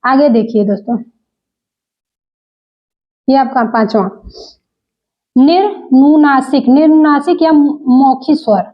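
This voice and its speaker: A woman teaches exam prep slowly in a high voice, leaving long pauses as she repeats every point. She keeps addressing her viewers as friends, and the recording comes across as dull and lo-fi.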